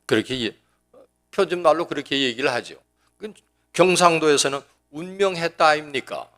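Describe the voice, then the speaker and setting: A man's voice: a little high, expressive, normal speed, a bit bright. A pastor preaching a sermon in a folksy, joking, conversational way, often restarting his sentences. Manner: folksy and joking, acting out dialect quotes.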